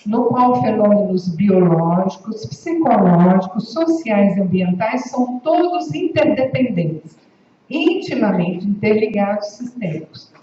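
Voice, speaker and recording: A woman's voice: mid-range voice, expressive, measured pace, warm tone. A woman giving a conversational university lecture, often checking in with her listeners. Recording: echoey hall, distant, dull, faint hiss.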